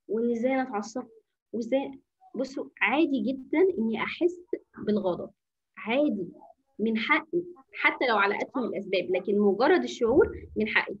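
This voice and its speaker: A woman with an Egyptian Arabic accent runs an informal anger-management workshop as a teacher, talking at a quick clip. Her voice is a little husky and breathy and sits slightly high. She coaches through rhetorical questions and mixes in English phrases, and the audio is dull and lo-fi like an online session. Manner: coaching, asks rhetorical questions and answers them.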